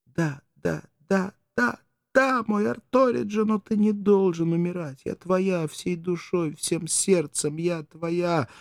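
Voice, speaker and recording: A man's voice: fairly even intonation, moderate pace, darkish tone, husky, dry recording, studio quality, lightly acted. A man voicing Mirdza, a desperate young woman in a storybook. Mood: passionate pleading. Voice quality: strained falsetto, pleading. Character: young woman, desperate, grieving, passionate lover.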